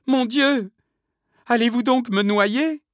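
A man voicing a cornered young noblewoman villain, shrill and pleading in a storybook reading. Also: moderate pace, slightly rough, no echo, clean studio sound, lightly acted. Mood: desperate pleading.

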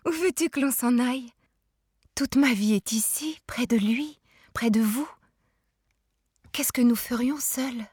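A gentle, patient mother talking softly to her child, as a woman reads her part in a storybook. Her voice slips into hushed near-whispers and stays close and dry, with no room around it. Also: on the high side, unhurried, pauses often, breathy edge, dry recording, voice pushed up. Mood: tender. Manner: soft, hushed, dropping to whispers.

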